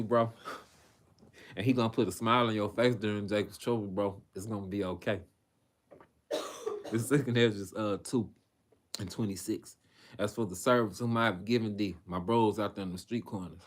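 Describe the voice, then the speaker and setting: A man reading scripture on a livestream, with casual, profane asides and halting, filler-laden commentary. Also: on the low side. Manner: halting, frequent fillers and restarts. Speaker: preacher on a livestream.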